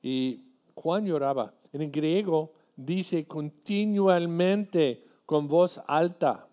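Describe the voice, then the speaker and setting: Slow, mellow-voiced male preacher. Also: a little high. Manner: earnest, deliberate preaching with halting restarts. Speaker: pastor. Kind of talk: sermon.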